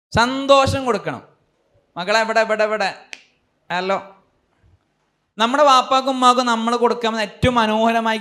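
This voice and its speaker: Animated high-voiced man talking to students. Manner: asks the audience many questions, animated and emphatic. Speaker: speaker addressing students. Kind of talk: motivational talk to a school audience.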